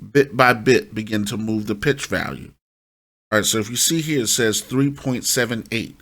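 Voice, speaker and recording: In a mid-range, slightly bright voice, a man walks through a music production tutorial step by step. His style is informal and instructive, with frequent short tag questions to check in.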